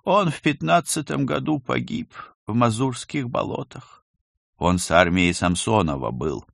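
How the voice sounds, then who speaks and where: A man voicing an old male house ghost who speaks in a rustling whisper, slow and instructive, in a storybook reading. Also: medium pitch, animated, gravelly, dry recording, studio quality, voice pushed up. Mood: wistful.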